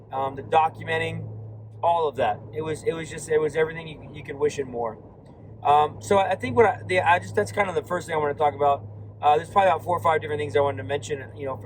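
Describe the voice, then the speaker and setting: Hoarse male shop-owner vlogger, slightly high voice, rambling and filler-heavy, talking from a moving car with faint road noise. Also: rough recording. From Florida. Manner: rambling, many fillers and restarts. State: hoarse, losing his voice. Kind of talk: casual vlog while driving.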